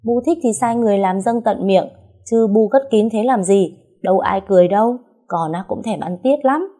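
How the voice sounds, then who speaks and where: A woman voicing a feisty, sharp-tongued young wife who teases and argues cheekily. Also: fairly low pitch, lively intonation. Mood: feigned concern. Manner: cheeky, teasing, quick to argue.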